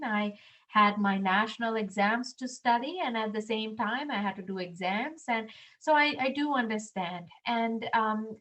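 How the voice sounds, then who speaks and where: A Sri Lankan woman who directs international programs presents a webinar in a friendly manner, filling her speech with lots of "um"s. Her voice sits in the mid range and has a fairly bright tone.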